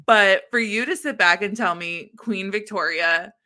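A woman's voice: medium pitch, a little slow. A woman co-hosting a podcast, reading quotes from a book and reacting wryly in casual chat. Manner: lively, wry, laughs easily.

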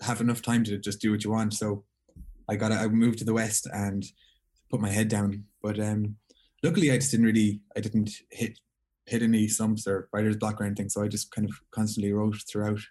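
A man's voice: on the low side, level tone, brisk, a little mellow. A young man from Galway with a west of Ireland accent, chatting casually and informally as a songwriter being interviewed. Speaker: singer-songwriter, interview guest.

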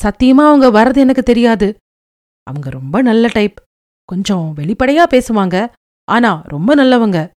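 A woman's voice: on the high side, sing-song, unhurried, darkish tone. A woman voicing an earnest young daughter-in-law.

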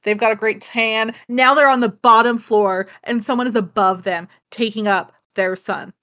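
A woman's voice: fairly high pitch, steady tone, normal speed, sharp tone. A woman co-hosting a podcast, reacting with playful, sarcastic quips and lots of laughter. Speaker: podcast co-host. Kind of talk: casual chat, joking reactions.

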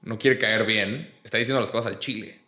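A man's voice: on the low side, steady tone, a little fast, pushed and bright. Blunt man in echoey room. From Monterrey, Mexico. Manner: blunt, slangy and profane. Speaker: guest. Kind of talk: casual podcast chat. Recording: roomy echo.

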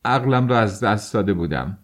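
A man voicing a young, thin male worker who confesses in a firm, halting voice. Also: on the low side, animated, close to an everyday voice. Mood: resolute.

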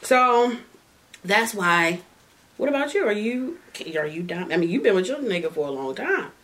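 A woman's voice: mid-range voice, very animated, normal speed, a bit bright. A woman hosting a casual chat while smoking, bawdy and playful, laughing often. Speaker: podcast host.

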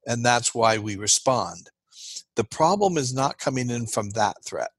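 A man's voice: medium pitch, expressive, measured pace, breathy edge, dry recording. A man giving an interview as a guest expert, explaining earnestly and checking in with "right?" as he goes.

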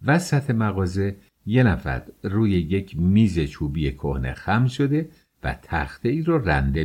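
A man narrating an audiobook in an expressive storytelling manner. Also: rumbling low, slightly rough.

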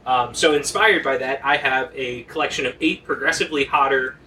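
A man's voice: mid-range voice, brisk, bright, forceful tone. A man hosting a casual podcast chat, explaining things with fillers and easy laughs. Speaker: podcast host. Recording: distant mic with faint noise.

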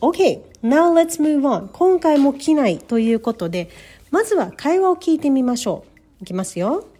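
A woman hosting a podcast English lesson, modeling pronunciation slowly and repeating words. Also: high-pitched, very animated, mellow, faint music behind. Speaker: English teacher. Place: lives in Canada.

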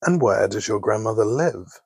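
A man voicing a sly, hungry male wolf in a bedtime storybook reading, coaxing and then low and menacing. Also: lively intonation, normal speed, creaky, darkish tone, husky, dry recording, studio quality, heavily acted.

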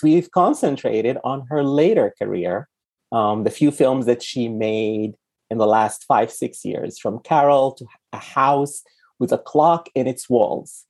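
A man from Sudan with a slightly husky voice, hosting a conversational film podcast. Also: medium pitch, a little mellow. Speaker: podcast host.

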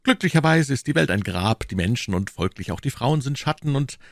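A man plays a spirited young musketeer from a read-aloud novel, earnest with a wry, teasing edge. His delivery moves lively up and down, recorded close and dry. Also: mid-range voice, brisk, vocal fry, dry recording, voice pushed up. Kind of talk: audiobook character voice.

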